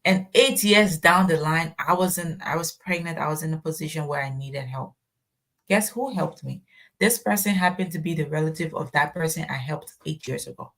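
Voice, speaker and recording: Speaking at a moderate pace in a low-pitched, slightly bright voice, this woman from Ghana is a guest on a podcast. She is reflective and shares stories from her own life in a conversational manner.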